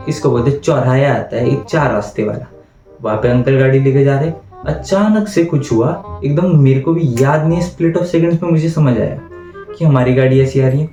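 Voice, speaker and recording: A young adult man telling a funny childhood story in a casual vlog, chatty and mixing in English phrases. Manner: chatty, mixes in English phrases, grows animated and higher at the tense moments. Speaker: storytelling vlogger. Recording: roomy, slightly dull, with faint guitar music.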